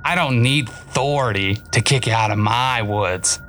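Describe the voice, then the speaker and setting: A man's voice: mid-range voice, normal speed, fairly bright tone, faint music behind, voice pushed up, lightly acted. A man voicing a sly, menacing male weasel-like creature with a slangy, threatening drawl in an audiobook. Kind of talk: audiobook narration.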